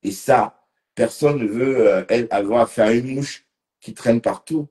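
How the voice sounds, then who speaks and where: A man's voice: medium pitch, measured pace, dark tone. A man a bit tipsy, rambling casually on a live stream and talking to commenters by name. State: slightly tipsy.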